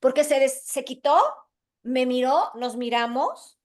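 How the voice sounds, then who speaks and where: Her voice high and her pace a little slow, a middle-aged woman who instructs a course spins a lively story for her class. She's animated throughout, acting out each line of dialogue.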